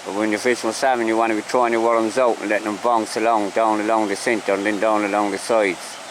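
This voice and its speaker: A man's voice: on the low side, flat delivery, quick pace. A man with an Irish accent chatting casually and folksily to viewers in a rambling outdoor fishing vlog. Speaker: fishing vlogger. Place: outdoors along a river. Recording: outdoor ambient noise, riverside. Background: clear outdoor ambience.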